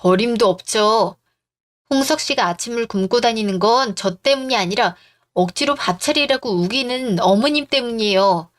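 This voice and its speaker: A woman reading a scripted family-drama story in a calm, firm and pointed manner. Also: fairly high pitch, normal speed. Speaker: story narrator and wife character.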